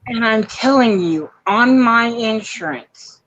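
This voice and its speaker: A woman's voice: fairly high pitch, expressive, slow, fairly bright tone, dry recording. Frank, wry woman on a dull line. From Florida. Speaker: guest in chat. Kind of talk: casual chat.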